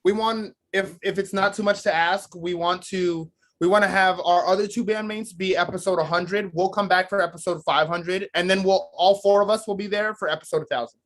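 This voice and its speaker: A man's voice: sits high, fairly even intonation, a little fast, few pauses. A man, a touring band member, chatting as a guest and eagerly inviting the hosts along. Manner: enthusiastic, warm invitations. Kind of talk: casual chat.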